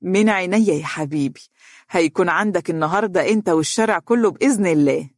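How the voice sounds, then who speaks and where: A warm middle-aged mother from an audiobook story, speaking in Egyptian dialect with affection and a light teasing tone, as the narrator puts her on. Her voice sits a little higher than the narration, and the recording is dry and close. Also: fast talker, no echo, natural voice.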